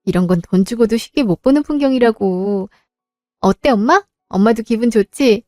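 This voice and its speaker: Woman as heartfelt young daughter, high and emotional, audio drama. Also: moderate pace, no room sound, studio quality, soft background music, lightly acted. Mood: encouraging. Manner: bright, emotional, pleading. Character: young wife caring for her sick mother, tearful and grateful.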